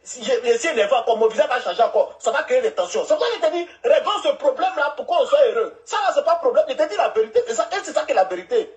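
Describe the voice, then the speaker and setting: Woman doing a high, fast, nagging man. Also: sing-song, darkish tone. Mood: insistent. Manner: repetitive, insistent complaining. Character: annoyed adult man scolding his partner over money. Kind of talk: comic voice dubbing.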